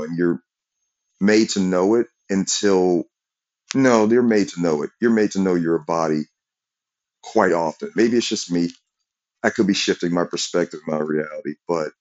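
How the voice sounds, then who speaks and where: A man's voice: sits low, dull audio. A man telling a rambling, profane story about work in a casual rant.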